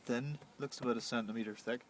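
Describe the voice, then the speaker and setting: A man's voice: medium pitch, steady tone, brisk. Man chatting, faint noise behind. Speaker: camper van vlogger. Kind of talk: casual unscripted chat. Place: inside a camper van.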